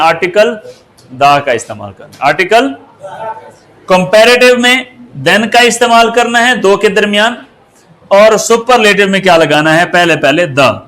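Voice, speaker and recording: A man teaching English grammar, asking the class questions as he goes and spelling words out slowly. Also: high voice, sharp tone. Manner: slow and deliberate, asks the class rhetorical questions and spells words out. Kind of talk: grammar lesson.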